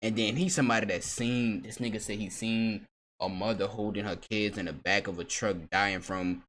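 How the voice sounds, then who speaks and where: A man's voice: on the low side, steady tone, normal speed, fairly bright tone. A man giving blunt, profane reaction commentary and saying "bro" constantly. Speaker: reaction streamer.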